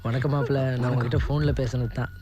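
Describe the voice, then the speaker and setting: A man's voice: medium pitch, quick pace, crowd noise, close to an everyday voice. An actor playing a cheerful young village man returning home. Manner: warm, teasing, lively greetings. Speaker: lead character. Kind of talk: film drama acting.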